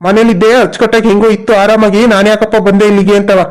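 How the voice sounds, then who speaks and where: A performer voicing a concerned young husband and brother in a cartoon story, talking in quick, protective reassurances. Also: mid-range voice, little pitch movement, close to an everyday voice.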